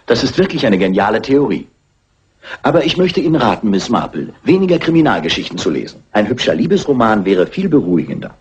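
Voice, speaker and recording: An actor playing a skeptical police inspector, wearily polite and condescending, in a dubbed classic crime film. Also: male voice, medium pitch, sing-song, quick pace, a little mellow, slightly rough. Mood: dismissive. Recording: dull vintage film soundtrack.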